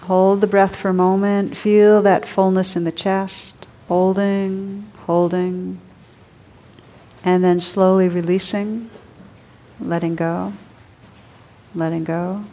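A woman with a mid-range voice guides a meditation, speaking softly and slowly with long gaps between phrases. Her pitch barely moves, and the sound is lo-fi.

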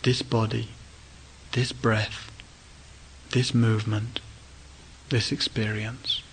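A male meditation teacher giving a dharma talk at a retreat, speaking gently in short, inviting phrases with pauses. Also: fairly low pitch, flat delivery, a little hiss or hum, poor audio.

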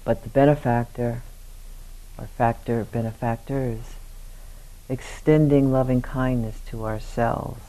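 A meditation teacher guides a session in a gentle manner, using short, unhurried phrases separated by long pauses. His mid-range voice has fairly even intonation, and the recording quality is low.

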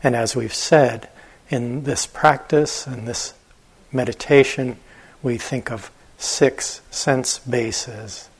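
The recording is low in quality, but the husky, medium-pitched voice of this male meditation teacher comes through steady in tone. He guides the session very slowly and gently, letting long, unhurried pauses fall between brief phrases.

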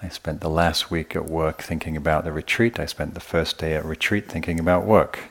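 Gentle and unhurried, a man gives a guided meditation talk at a retreat, often pausing between short phrases. His voice rumbles low with fairly even intonation.

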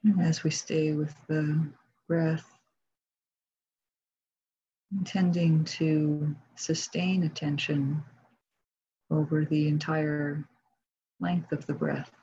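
A woman teacher guides a meditation, speaking calmly and gently with long pauses in a soft, husky, deep voice. The recording is dull, muffled, and lo-fi, with a little hiss or hum.

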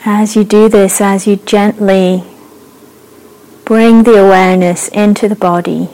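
A woman leads a guided meditation in a mellow, warm voice. She speaks slowly and gently, leaving long pauses between phrases, and her pitch stays even and flat throughout. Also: low-quality recording. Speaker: meditation teacher.

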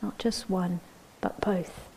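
Soft-spoken woman giving a dharma talk. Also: on the low side, fairly even intonation, gravelly, husky, low-quality recording. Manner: gentle, unhurried, often asks "yeah?". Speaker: meditation teacher.

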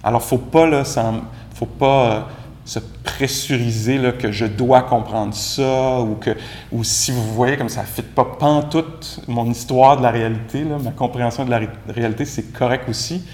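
In an echoey room with faint background noise, a man from Quebec with a Quebec French accent delivers a relaxed dharma talk as a meditation teacher, filling his sentences with "tu sais". His mid-range voice is steady, a little mellow, and moderately paced.

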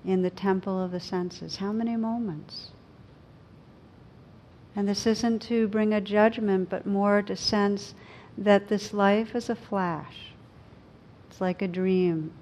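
A woman with a medium-pitched voice gives a reflective meditation talk. She guides gently, leaving frequent pauses between short phrases. A low rumble of background noise sits behind her voice. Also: steady tone. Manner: unhurried, gentle guiding delivery with frequent pauses. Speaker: meditation teacher.

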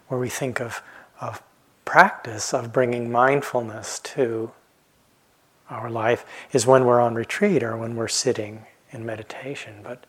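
A man in his late fifties giving a calm, reflective dharma talk as a meditation teacher, pausing often and letting phrases trail off softly. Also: mid-range voice. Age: 50s. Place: retreat center hall.

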